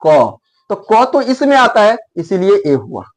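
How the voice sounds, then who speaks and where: A man with a fairly high voice teaches an English grammar lesson in Hindi. He explains step by step, spells letters out one by one and repeats his main points emphatically. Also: wildly swooping pitch, unhurried.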